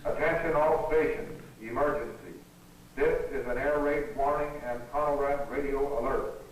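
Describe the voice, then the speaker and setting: A man delivering a grave civil defense air raid alert in a formal, deliberate manner. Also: medium pitch, fairly even intonation, close to an everyday voice. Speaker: air raid warning announcer. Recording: echoey, distant, faintly noisy announcement.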